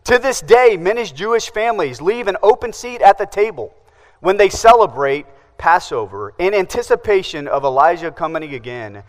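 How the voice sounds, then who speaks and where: A man's voice: high-pitched, sing-song, moderate pace, long reverb tail. A man preaching a sermon as pastor, asking the congregation questions and answering them himself.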